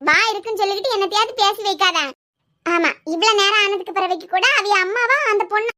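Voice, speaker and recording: A woman's voice: extremely high pitch, steady tone, quick pace, sharp tone. A woman voicing a gossipy young hospital nurse in a cartoon serial, chattering with a Kanyakumari Tamil accent.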